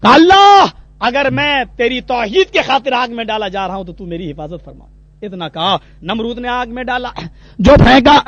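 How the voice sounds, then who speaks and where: A man, swinging from hushed asides to impassioned cries. The recording is dull and lo-fi, with a dry, close sound. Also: very high voice, no room sound. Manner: dramatic, rising to impassioned cries when quoting prayers. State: unwell, asks for warm water. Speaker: Islamic preacher. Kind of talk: fiery sermon.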